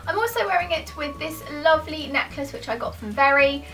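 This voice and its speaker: A British YouTuber in her twenties answers questions to camera from a small furnished room at home, chatting informally in a self-deprecating, rambling way. Her voice sits high, expressive and sharp, a little fast, picked up far from the mic with faint music behind.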